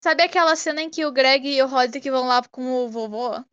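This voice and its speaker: A woman co-hosting a podcast in casual, excitable chat. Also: sits high, a little fast, muffled recording, a crowd in the background. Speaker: podcast co-host.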